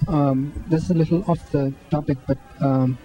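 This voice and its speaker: A man's voice: on the high side, fairly even intonation, moderate pace, lo-fi sound, loud music behind the voice. A man, hesitantly interviewing shoppers in a mall with a handheld mic. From Pakistan. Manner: hesitant, many ums and restarts. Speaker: street interviewer. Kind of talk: amateur vox-pop interview.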